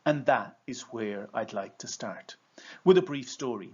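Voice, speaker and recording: A man's voice: medium pitch, a little slow, a little mellow, husky. Irish storyteller, man in his fifties, slightly muffled. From Ireland. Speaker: coach and trainer. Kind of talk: prepared video presentation with storytelling. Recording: slightly dull lo-fi sound.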